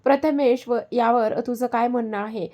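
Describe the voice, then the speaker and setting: A woman voicing a calm, curt and commanding elder brother giving orders, in a spoken story. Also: on the high side, moderate pace, close to an everyday voice. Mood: stern.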